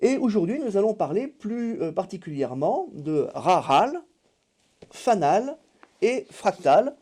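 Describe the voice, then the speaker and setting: An interviewer asking long, halting questions full of fillers. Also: mid-range voice, sing-song, mellow, slightly rough.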